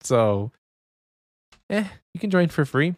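A man's voice: a little high, very animated, slow, no echo, studio quality. A young adult man co-hosting a podcast in casual chat, keeping his voice down. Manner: talking quietly to avoid waking someone. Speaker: podcast co-host.

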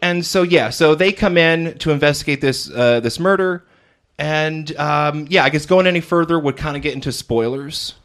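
A man's voice: fairly high pitch, normal speed, a bit bright. Opinionated man in casual film chat. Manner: opinionated, critical, with frequent fillers. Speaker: podcast co-host reviewing films. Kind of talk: casual movie review chat.

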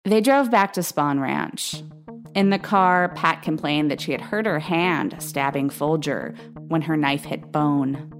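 A woman narrating a true-crime story in a measured, grave, scripted way. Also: sits low, faint music behind. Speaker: podcast narrator.

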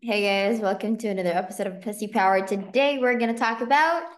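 A woman hosting a podcast in casual chat, thinking aloud with relaxed fillers. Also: mid-range voice, fast talker. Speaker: podcast host. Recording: echoey room.

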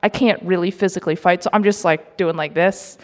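A woman's voice: fairly low pitch, fairly even intonation, a little fast. Young woman comic doing a live story set, self-mocking, keeps laughing mid-sentence. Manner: chatty, self-mocking, laughs through lines. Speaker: comedian. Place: live event in a club.

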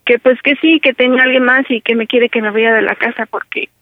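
Man doing a distraught young woman, tearful, pleading, high voice, tinny phone line. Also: fairly even intonation, a little fast, no room sound.

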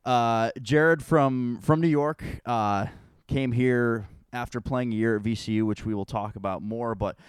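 A man's voice: mid-range voice, a little slow, hardly any pauses, smooth, dry recording. American man hosting a podcast in a locker room. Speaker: podcast host. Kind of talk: casual podcast interview. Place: indoors in a team locker room.

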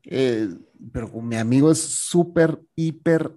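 A man's voice: medium pitch, measured pace. A man with a Guatemalan Spanish accent, chatting casually as a co-host and telling stories with acted-out quotes. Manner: lively storyteller acting out quotes. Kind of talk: casual chat.

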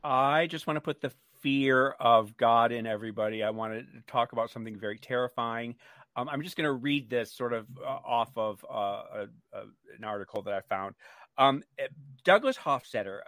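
A man's voice: mid-range voice, moderate pace, fairly bright tone, no room sound. A man co-hosting a radio show, talking casually and reading aloud.

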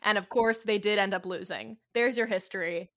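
A woman's voice: medium pitch, normal speed, fairly bright tone. A woman in her twenties co-hosting a casual book-club podcast, explaining points in a chatty way with jokey asides. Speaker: podcast co-host.

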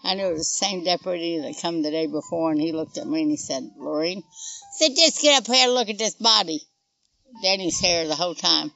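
Her voice is lowish, gravelly, and fairly bright, and she talks a little fast. She's a middle-aged mother with a rural Oklahoma accent, telling an interviewer about events first-hand in a blunt, matter-of-fact, conversational manner, on a muffled recording with music underneath.

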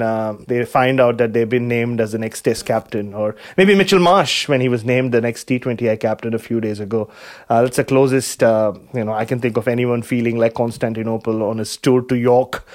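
A man with an Indian accent co-hosting a casual podcast, rambling hesitantly and playfully. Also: medium pitch. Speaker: podcast co-host. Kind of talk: casual chat.

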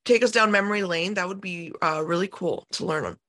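A woman's voice: on the low side, brisk, a bit bright. A woman hosting a skincare podcast in a casual, chatty way, full of "you know" and "like" fillers. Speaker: podcast host. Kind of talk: casual interview chat.

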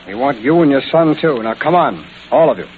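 An actor playing a stern, commanding federal agent with clipped authority in a 1940s radio crime drama, on an old broadcast disc. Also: male voice, medium pitch, lively intonation, a little fast, narrow, tinny audio, loud music behind the voice, close to an everyday voice.

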